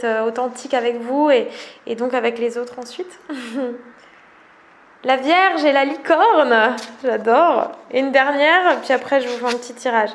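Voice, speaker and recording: A French woman, a wellness coach chatting casually to camera, enthusiastic and gushing, often laughing. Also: fairly high pitch. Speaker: wellness coach presenting oracle cards.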